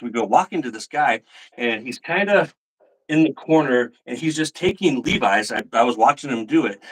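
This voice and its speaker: A middle-aged man hosts a relaxed live chat from home. He tells long stories and acts out the lines of the people in them. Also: medium pitch, poor audio. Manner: animated, acts out quoted lines. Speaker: livestream host. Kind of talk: casual storytelling chat.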